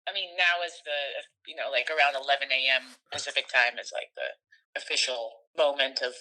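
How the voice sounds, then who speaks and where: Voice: medium pitch, fairly even intonation, moderate pace, pushed and bright, poor audio. A friend calling in, heard on a phone on speakerphone, chatting casually and laughing often. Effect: heard over a phone on speakerphone. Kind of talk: casual chat.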